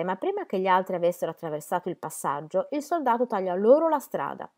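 A woman reading historical letters aloud in a measured, expressive storytelling manner. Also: mid-range voice. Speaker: reader.

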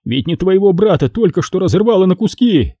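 A man's voice: high voice, sing-song, brisk, warm tone, no echo, studio quality, pitched above the performer's own voice. A man voicing a hysterical, panicked male submarine crewman who shrieks and pleads frantically in an audiobook.

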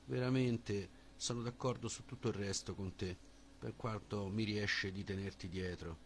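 A man reading the quiet, softer replies of a young male disciple who agrees attentively. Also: fairly low pitch, steady tone, normal speed, a little hiss or hum, pitched below the performer's own voice, natural voice. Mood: agreeing.

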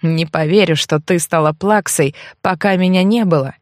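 A woman voicing a shapeshifting beast turned young man, husky, hushed and slow, with a teasing warmth. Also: fairly low pitch, no echo, clean studio sound. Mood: teasing, tender.

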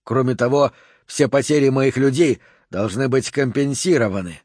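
A man reading an audiobook voices a bitter, hoarse male leader of the tunnel dwellers, hissing his words. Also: medium pitch, moderate pace, a little mellow, no room sound, studio quality, lightly acted. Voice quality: raspy, hissing.

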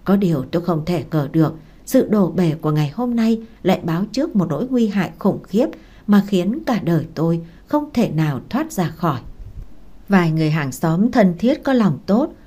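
A woman's voice: fairly low pitch, mellow. A woman narrating a first-person audiobook story in a tearful, emotional manner.

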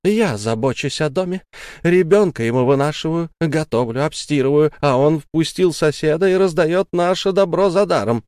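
A man putting on a shrill, scolding young wife. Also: normal speed, a little mellow, smooth, no echo, clean studio sound, close to an everyday voice. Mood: angry scolding. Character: sharp-tongued young wife, shrill and quick to anger.

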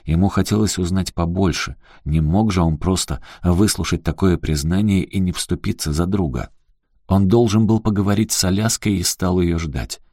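A man reading a novel aloud as an audiobook narrator, in a measured, even way. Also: low-pitched, dry recording, studio quality. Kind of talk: scripted narration.

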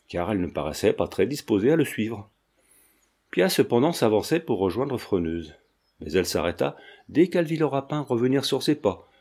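A man narrating a novel for an audiobook in an expressive, measured reading. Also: medium pitch, husky.

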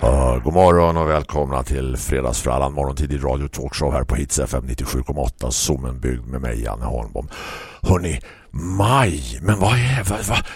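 A man's voice: rumbling low, breathy edge, no echo, studio quality. A man hosting a morning radio talk show, telling a wry story in a leisurely way. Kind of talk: reading a personal story on radio.

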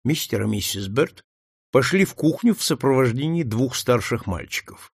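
A man reading a classic novel aloud in a measured, storytelling manner. His voice is gravelly and husky, with lively rises and falls in pitch. The recording is dry and close. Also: no echo. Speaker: audiobook narrator. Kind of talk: scripted narration.

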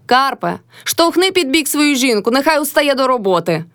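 A woman's voice: high voice, very animated, moderate pace, fairly bright tone, dry recording, clean studio sound, pitched above the performer's own voice, exaggerated voice. A woman doing a nagging old peasant mother-in-law. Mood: scolding. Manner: nagging, commanding. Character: scolding older peasant mother-in-law, bossy.

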